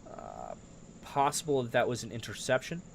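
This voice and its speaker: A man's voice: medium pitch, wildly swooping pitch, moderate pace, gravelly, slight background noise. A man hosting a live breaking-news stream, reading viewer comments aloud and talking unscripted with frequent fillers. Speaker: livestream news host.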